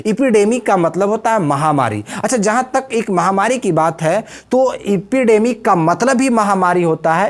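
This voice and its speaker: Man teaching vocabulary, step by step. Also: high voice. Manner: explains step by step, with frequent "theek hai" check-ins. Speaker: English teacher. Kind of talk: vocabulary lesson.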